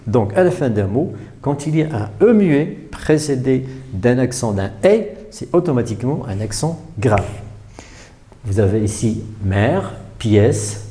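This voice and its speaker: A male primary school teacher explains spelling rules patiently, one step at a time, with many examples. He repeats the key points and often pauses on hesitation fillers. His voice is warm and relaxed, and his pitch moves a lot. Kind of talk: remote French spelling lesson.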